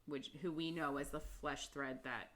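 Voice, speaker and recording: A woman's voice: deep voice, steady tone, moderate pace, a bit bright. A woman co-hosting a casual book podcast, retelling chapters in a chatty way with frequent laughs and fillers. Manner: chatty, laughs often, lots of "like" and "um". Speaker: podcast co-host.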